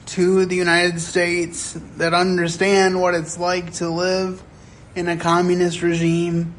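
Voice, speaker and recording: A man in his sixties preaching a sermon in a chapel, telling stories earnestly with deliberate pauses. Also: high voice, slight background noise. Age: 60s. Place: chapel sanctuary.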